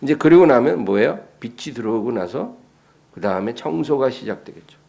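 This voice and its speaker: Korean pastor preaching a sermon. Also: male voice, mid-range voice, animated, a little fast, gravelly. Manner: asks the congregation questions, then answers them; shifts between soft, hushed passages and loud, raised lines.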